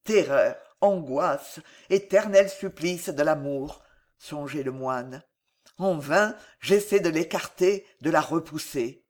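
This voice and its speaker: A woman's voice: sits low, takes it slowly, a little mellow. A woman reading an audiobook and voicing a brooding, tormented monk with a somber, muffled manner.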